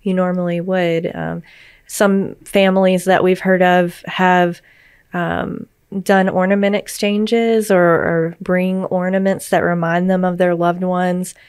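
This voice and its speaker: Clear, even-toned woman, a grief counselor. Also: fairly low pitch, slow, no echo, clean studio sound. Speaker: grief counselor, podcast co-host. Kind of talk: conversational podcast discussion.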